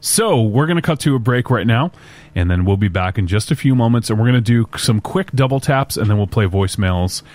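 A man's voice: fairly low pitch, expressive, fairly quick, a little mellow. A man hosting a podcast in a casual, informal, bro-like way, swearing freely. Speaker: podcast host. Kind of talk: casual chat.

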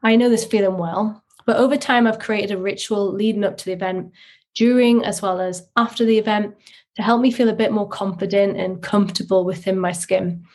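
A woman hosting a solo podcast, explaining things in a casual, chatty way through a poor microphone with low-quality audio. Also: fairly even intonation, brisk, darkish tone. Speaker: podcast host. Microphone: faulty microphone.

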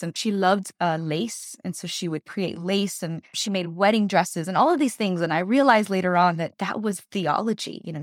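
Woman from in her thirties, low-pitched, dry close sound, reflective interview guest who tags her thoughts with "right?". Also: no echo. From Miami, Florida, USA. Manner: reflective, frequent "you know" and "right?". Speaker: guest author and theologian. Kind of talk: conversational interview storytelling.

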